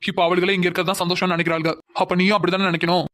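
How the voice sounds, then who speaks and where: A persistent young man in a cartoon, voiced by a woman keeps pressing with pleading questions. He talks very fast in a low voice with a flat, even tune. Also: lightly acted. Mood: coaxing. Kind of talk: animated cartoon dialogue.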